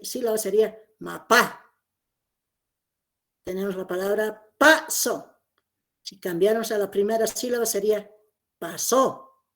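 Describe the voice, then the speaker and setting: In a classroom lecture, a woman teaches phonetics with a mid-range, darkish voice. She explains carefully, repeats the main points, and checks in with "¿no?".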